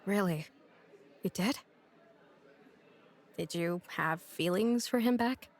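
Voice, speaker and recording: A woman's voice: medium pitch, takes it slowly. An actress playing a blunt, sarcastic young woman in an audio drama, talking dry, direct and teasing. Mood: earnest. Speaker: [name].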